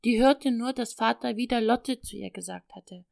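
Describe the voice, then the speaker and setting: A woman narrating an audiobook of a classic children's story, expressive and storytelling, dipping into soft whispers. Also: on the high side, normal speed, gravelly, dry recording, studio quality.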